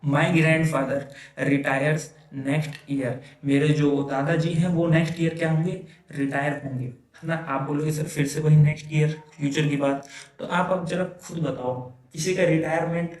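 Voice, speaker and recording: A man teaches grammar, repeating key phrases and checking in with his students. His voice sits fairly high. It sounds distant in an echoey room. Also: steady tone, unhurried. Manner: explains by repeating phrases, many rhetorical "है ना" checks. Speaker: English teacher. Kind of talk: classroom grammar lesson.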